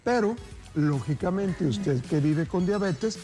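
A man in his forties hosts a TV cooking segment from a studio kitchen, addressing viewers like family in an upbeat, folksy chat. His high voice has lively intonation and an unhurried pace, picked up on a lapel mic with music in the background.

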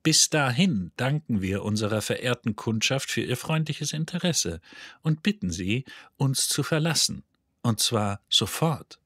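A man voicing an old, polite recorded announcement from a dead planet, hollow and shrill with a threatening undertone. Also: animated, moderate pace, fairly bright tone, husky, no room sound, studio quality. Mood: polite menace.

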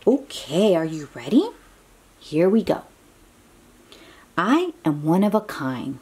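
A woman reads a picture book aloud for young children at an unhurried pace, her pitch swinging lively. Her soft-edged, mellow voice carries a breathy edge as she encourages, exclaims and asks the listener questions, adding chatty asides as if talking straight to a small child.

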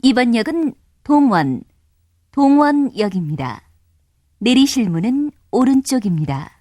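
Woman voicing a prerecorded subway stop announcement, formal and courteous, slightly high, dry studio sound. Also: very animated, measured pace, warm tone, no room sound. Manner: polite, formal, evenly paced. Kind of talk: prerecorded train station announcement.

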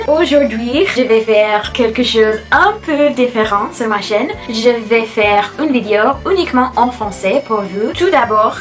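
A woman in her twenties from California with an American accent, talking to camera in a casual, slightly hesitant vlog. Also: a little high. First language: English. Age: 20s. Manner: careful, a little hesitant. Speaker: vlogger.

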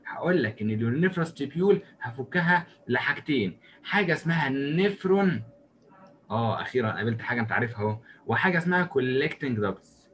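A man with an Egyptian accent giving a recorded lecture, drawing as he goes and asking and answering his own questions in a lively, joking way. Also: medium pitch, quick pace, slight background noise. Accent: Egyptian Arabic. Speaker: medicine lecturer.

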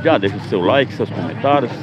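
A man's voice: medium pitch, animated, brisk, loud music behind the voice. A man from Pernambuco, cheerfully narrating a casual vlog from an outdoor street market. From Pernambuco, Brazil. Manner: upbeat, repetitive greetings to viewers. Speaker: vlogger. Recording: dull lo-fi sound, loud street noise.

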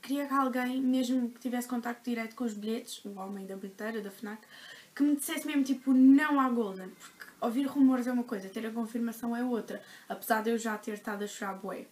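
A teenage vlogger with a European Portuguese accent tells a story to her viewers. Her voice sits a little high, and she talks in a chatty, dramatic rush, peppering her sentences with fillers. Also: fast, a little mellow. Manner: chatty, dramatic retelling with frequent "tipo" fillers. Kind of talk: casual storytelling to camera.

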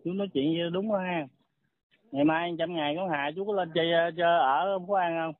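A man's voice: high voice, animated, fairly quick, creaky, dry recording. A man arguing heatedly on a phone call, blunt, insulting and threatening. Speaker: caller. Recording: tinny phone line, dry.

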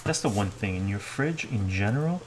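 A man's voice: fairly low pitch, animated, normal speed, slight background noise. A middle-aged man hosting a cooking livestream from his home kitchen, chatting casually and ending his sentences with "right?". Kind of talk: casual chat while cooking.

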